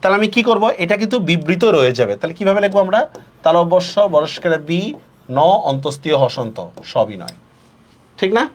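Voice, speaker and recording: Male tutor, fairly high and very animated, drills rules slowly and keeps asking the class questions. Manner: asks students frequent check-questions; stretches words slowly when stressing rules. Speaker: teacher. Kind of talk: online class lecture.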